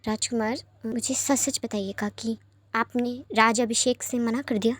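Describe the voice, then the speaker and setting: A gentle, devoted young man speaks softly and remorsefully, as a woman reads him out in an audio fanfiction story. The voice sits high and the sound is dry and close, with nothing around it. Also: steady tone, moderate pace, dry recording. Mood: tender. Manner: soft-spoken, remorseful, pleading.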